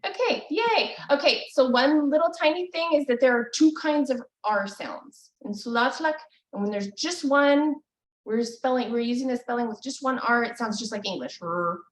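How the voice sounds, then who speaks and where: A woman's voice: on the high side, animated, normal speed. Woman, language teacher, encouraging, patient, ums a lot, roomy distant call sound. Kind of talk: live online language lesson. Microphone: video call. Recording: echoey, distant video call audio.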